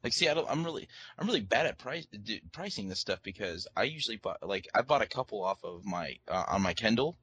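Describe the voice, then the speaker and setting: A man's voice: fairly low pitch, animated, fairly quick, few pauses, a bit bright, husky. A man co-hosting a casual podcast, rambling along with many fillers and encouraging his co-host. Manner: rambling, filler-heavy, supportive.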